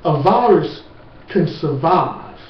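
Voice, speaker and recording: A man giving an informal lecture to camera, slow and emphatic, with blunt street-talk asides. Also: on the high side, lively intonation. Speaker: speaker on natural remedies. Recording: distant, roomy, dull with faint hiss.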